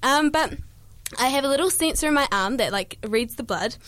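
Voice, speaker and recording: A bubbly young woman with a New Zealand accent chats and giggles on a youth radio show. Her voice sits high and bright in pitch. She talks freely at a studio mic. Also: animated, brisk, no room sound. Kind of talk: casual radio chat.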